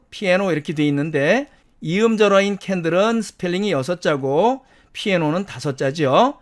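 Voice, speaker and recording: High-voiced male lecturer, counting methodically. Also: fairly bright tone. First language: Korean. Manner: methodical, counts items aloud one by one. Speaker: English pronunciation teacher. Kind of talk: slide-based lecture.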